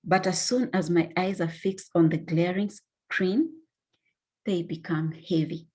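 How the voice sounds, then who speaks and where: A woman from Kenya with a Kenyan accent, reading a personal narrative as a conference panelist in a measured, deliberate way. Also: fairly low pitch, a little mellow, breathy edge.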